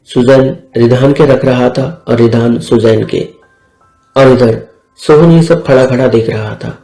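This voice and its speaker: A man reading a scripted story aloud in a plain, steady way. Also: medium pitch, a little slow. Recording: echoey room with faint music.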